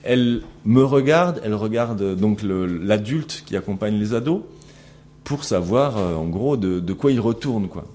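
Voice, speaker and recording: A middle-aged male teacher lectures a class, analyzing a recorded interaction and thinking aloud with many fillers and restarts while putting questions to his students. His voice sits on the low side and is warm and expressive, at a measured pace. A slight hiss or hum runs through the recording.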